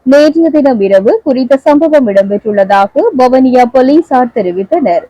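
A woman with a Sri Lankan Tamil accent reading the evening news in a steady, measured, formal delivery. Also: high-pitched, no room sound, poor audio. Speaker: newsreader.

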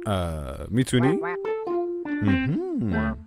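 A man's voice: on the low side, wildly swooping pitch. A man narrating a children's cartoon, talking to the characters in a playful, coaxing way. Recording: music playing behind the voice.

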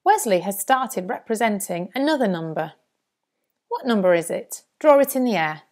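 A woman delivers a scripted lesson for young children. Her voice sits at an average pitch but moves up and down in a lively, singsong way. She speaks as a primary school teacher addressing a class. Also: moderate pace.

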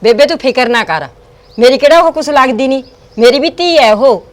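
A woman plays a caring Punjabi woman who comforts an old grandmother. Her voice is high, and she speaks in a firm, consoling way. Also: animated, fairly quick. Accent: Indian Punjabi. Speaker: daughter-in-law in a family drama. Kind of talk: village web drama acting.

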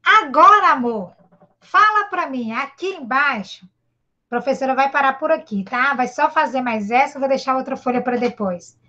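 Brazilian female teacher, high-pitched, patient and encouraging, syllable-by-syllable reading lesson, muffled video-call sound. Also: expressive, moderate pace, bright, forceful tone. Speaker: primary school teacher. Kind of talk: online literacy lesson for a child. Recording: dull lo-fi video call audio.

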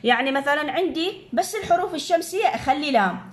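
A woman teacher with an Iraqi Arabic accent explaining a grammar lesson to children, slowly repeating each word. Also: sits high, lively intonation. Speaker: primary school teacher.

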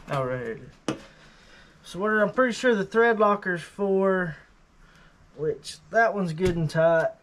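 A video host with a high voice casually films an unboxing and test by a truck in his workshop. He rambles offhandedly with plenty of fillers, and there's a little hiss or hum on the recording.

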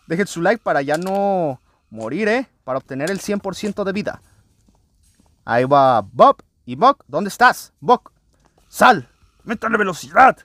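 An excitable man, hosting a let's play video and talking to his viewers as he plays. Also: high-pitched, measured pace, dry recording. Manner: excitable, often addresses viewers as friends. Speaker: gaming channel host.

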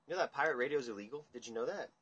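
A young man hosting a casual livestream chat, ranting in a rambling, profane, animated way. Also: medium pitch, rapid-fire, slightly rough, lo-fi sound. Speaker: livestream host. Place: dim room indoors. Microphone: phone camera at table.

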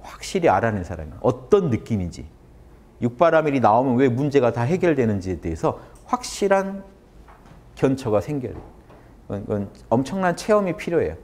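A man's voice: medium pitch, brisk. A man lecturing on Buddhist teachings to an audience, often stopping to ask them questions. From Korea. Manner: animated, asks the audience questions.

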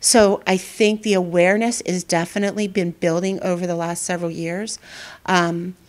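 A middle-aged woman with a fairly low voice speaks as a school principal in an interview. She pauses often with fillers and restarts her sentences. She is recorded close-up in a school hallway. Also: level tone. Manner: hesitant, many fillers and restarts. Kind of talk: interview answers.

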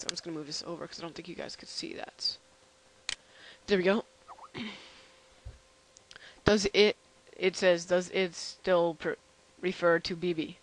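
A tired young man hosting a casual software demo, rambling and halting with lots of fillers. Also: high-pitched, low-quality recording. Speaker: channel host.

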